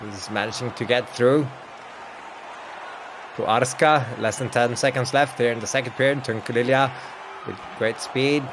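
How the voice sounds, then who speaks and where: Over a noisy background, a man from Sweden commentates an online hockey match in English, though his native tongue is Swedish. His mid-range voice keeps fairly even intonation at a moderate pace, pausing often. As an esports commentator doing play-by-play, he chats with viewers, laughs a lot and reads out the chat.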